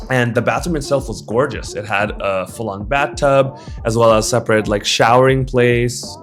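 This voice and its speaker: A young man from Bangladesh, chatting casually in a voice-over about apartments he toured. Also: medium pitch. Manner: relaxed and chatty, casual slang. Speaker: vlogger touring apartments. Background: faint music.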